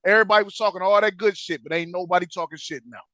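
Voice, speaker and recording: A man co-hosts a podcast, ranting loudly and profanely in animated slang. His voice sits high and bright, recorded close and dry with no room around it. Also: rapid-fire, no echo. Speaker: podcast co-host. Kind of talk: casual podcast banter.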